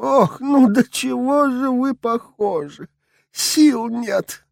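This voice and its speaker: A man's voice: very high-pitched, vocal fry, no echo, clean studio sound, voice pushed up, exaggerated voice. A man voicing a frail, timid elderly woman with a cracked, quavering voice in an audiobook. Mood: flustered. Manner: slow, plaintive, old-fashioned politeness. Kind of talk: audiobook character voice.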